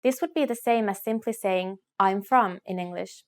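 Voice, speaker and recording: A woman narrating a scripted language lesson in a clear, measured teaching delivery, slowing down to model phrases. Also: mid-range voice.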